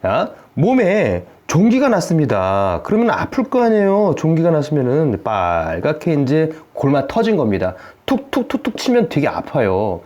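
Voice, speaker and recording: A man who works as a family therapist, giving an explanatory video lecture to parents in an animated way, full of rhetorical questions. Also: on the high side, normal speed, hardly any pauses.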